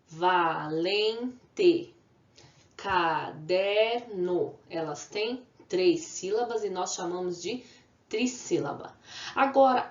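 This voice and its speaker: A woman teacher, giving a video lesson to children, patiently drawing out example words and answering her own questions. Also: mid-range voice. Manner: asks the class questions and answers them. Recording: echoey room, slightly dull sound.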